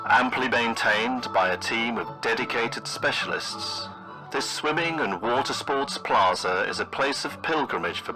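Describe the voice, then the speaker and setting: A man narrating a scripted mock travelogue in the manner of an old newsreel, with formal, florid, deadpan delivery. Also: lowish voice, low-quality recording. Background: music.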